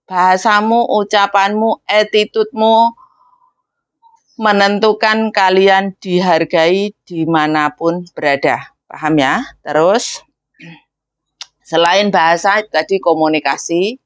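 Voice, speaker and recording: A woman's voice: medium pitch, slow, pauses often, smooth, no echo. A woman who trains migrant domestic workers, speaking in a casual instructional way and slipping in English and Cantonese phrases. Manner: mixes in English and Cantonese phrases, playfully imitating speech.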